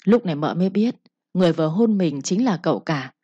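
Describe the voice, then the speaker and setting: A woman narrating a storybook in a steady, plain manner. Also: fairly low pitch, a little fast, breathy edge, no echo. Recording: dull, lo-fi, dry.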